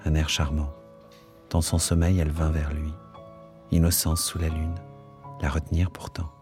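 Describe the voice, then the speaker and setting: A man with a very low voice reads a literary text aloud, measured and expressive. Soft music sits faintly underneath his narration. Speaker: audiobook narrator. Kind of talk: literary reading.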